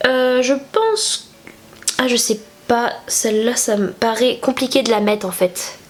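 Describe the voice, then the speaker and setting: A young woman from France speaks at a measured pace, her voice slightly high and steady in tone. As a beauty vlogger with a cold and a stuffy nose, she sounds nasal, chatting loosely through a makeup tutorial with lots of filler words and rambling.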